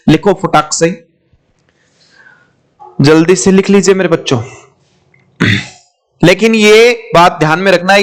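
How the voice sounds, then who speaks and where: High-voiced man teaching grammar. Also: a bit bright, smooth. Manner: repeats questions to students, calls them "my children". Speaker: English teacher. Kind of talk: classroom lecture.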